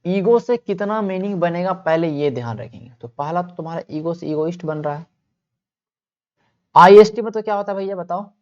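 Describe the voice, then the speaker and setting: A male teacher giving an online vocabulary lesson. He asks questions and answers them himself, and stretches words out slowly so listeners can repeat them. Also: high-pitched, highs cut off.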